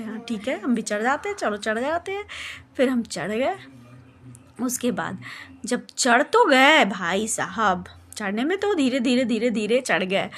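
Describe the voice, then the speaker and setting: ऊँची आवाज़ में किस्से सुनाती महिला. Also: female voice, fairly high pitch. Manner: chatty, animated, addresses viewers as friends. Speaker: vlogger. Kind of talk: casual storytelling vlog.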